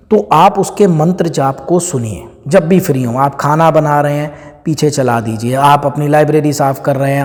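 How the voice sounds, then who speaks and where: Reverberant Hindi-speaking spiritual teacher. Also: male voice, on the high side, mellow. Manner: conversational, mixes English phrases, explains with examples. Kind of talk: casual spiritual talk to camera.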